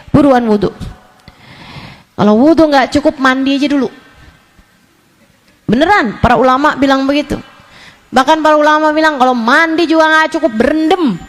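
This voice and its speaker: A middle-aged female Islamic preacher giving a gentle, conversational sermon, softly repeating prayer phrases and acting out the voices of her listeners. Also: sits high.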